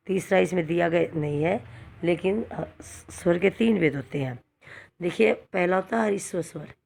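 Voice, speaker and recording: A woman teacher giving a slow, repetitive grammar lesson to children, often checking in with "okay". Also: lowish voice, gravelly, a little mellow. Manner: slow, repetitive explaining with frequent "theek hai" checks. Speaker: school teacher. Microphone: phone screen recording.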